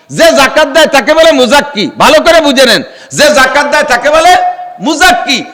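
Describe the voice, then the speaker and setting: A male preacher gives a humorous sermon, teasing his listeners with rhetorical questions and sometimes rising to a shout. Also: extremely high pitch, in a large hall.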